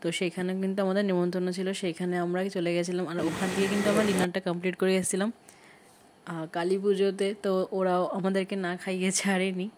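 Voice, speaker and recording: A woman's voice: on the low side, little pitch movement, fast talker, a little mellow, a little hiss or hum. A woman narrating her vlog in a chatty way, explaining who each family member is. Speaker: vlogger.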